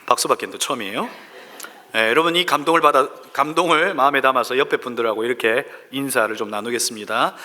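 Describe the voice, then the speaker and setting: A male pastor from the Gyeongsang region, speaking with a Gyeongsang accent and delivering a lively, humorous sermon. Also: mid-range voice, fast, a little hiss or hum. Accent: Gyeongsang Korean. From Gyeongsang region, Korea. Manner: lively, humorous, reads dialect verses aloud. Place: large church hall. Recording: long hall reverb.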